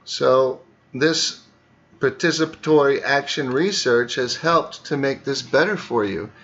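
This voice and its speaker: A man's voice: mid-range voice, unhurried, fairly bright tone, highs cut off. A man teaching students, narrating a screen tutorial and talking through each click step by step.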